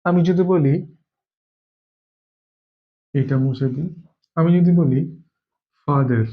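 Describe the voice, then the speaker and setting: A man's voice: a little high, takes it slowly, narrow, tinny audio. A man from Bengal teaching an English grammar lesson, explaining step by step and repeating key words as he goes.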